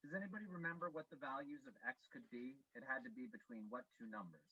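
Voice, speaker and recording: A man's voice: medium pitch, animated, fast talker, sharp tone, husky, no echo. A man teaching a statistics class over a video call, his voice faint and muffled as if heard through a wall because the connection is failing. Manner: checks in with "okay?" constantly. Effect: faint muffled far-off sound, as if through a wall, from a failing connection. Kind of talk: casual online class lecture.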